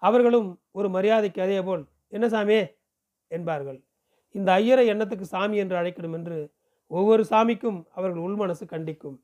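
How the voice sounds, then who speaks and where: Give me a man with a fairly high voice reading a novel aloud, steady and even-toned storytelling. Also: brisk. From Pondicherry, India. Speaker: audiobook reader.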